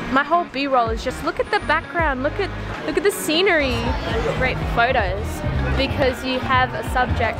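Young woman w a high voice, goofy self-mocking vlog chat out on a street, loud music and crowd. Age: young adult. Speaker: vlogger's companion and photographer. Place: outdoors on busy city streets at night. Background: loud music, crowd chatter.

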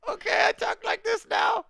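Squeaky captive goblin. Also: male voice, creaky, bright, forceful tone, no room sound, clean studio sound, full character voice. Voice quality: squeaky, strained high voice. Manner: submissive, stammering. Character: small captured goblin, meek and eager to please.

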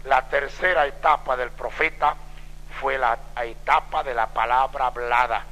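A man preaching a sermon in a church, telling stories with drama and acting out the voices of the people in them, moving between loud exclamations and hushed low passages. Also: fairly even intonation, a little slow. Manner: dramatic storytelling, acts out quoted voices. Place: church sanctuary. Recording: long hall reverb.

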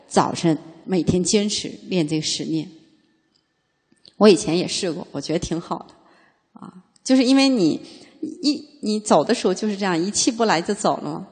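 A woman Buddhist teacher giving a dharma lecture, reading classical lines slowly and then explaining them in chatty plain talk, with frequent fillers and questions to her listeners. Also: medium pitch, darkish tone, breathy edge, big-room sound.

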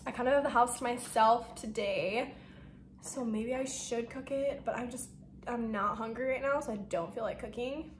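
Young woman, high-ish voice, chatty, rambly, slightly breathless, roomy kitchen echo, faint hiss. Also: normal speed. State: a bit out of breath. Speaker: vlogger. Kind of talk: casual talk-through of meal prep. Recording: echoey room with faint noise.

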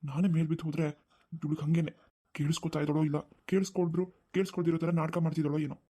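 A man's voice: a little high, level tone, racing, mellow, breathy edge. A man voicing a young cartoon husband who earnestly pleads with his upset wife and mutters his worries to himself. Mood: pleading. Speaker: cartoon character. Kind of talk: animated drama voice acting.

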